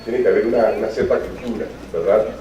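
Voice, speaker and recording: A Peruvian guest lecturer speaks fast in a dark, fairly low voice with fairly even intonation, giving a conversational university lecture full of tag questions and fillers. The recording picks him up from far off in an echoey lecture hall, sounding dull with a little hiss or hum.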